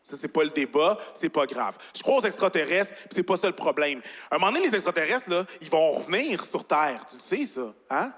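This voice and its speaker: A young man with a Quebec French accent doing an animated stand-up set on a large gala stage, talking straight to the audience. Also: fairly high pitch, fairly quick, few pauses. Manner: animated, chatty, addressing the audience directly. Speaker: stand-up comedian. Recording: reverberant live hall, faint ambience.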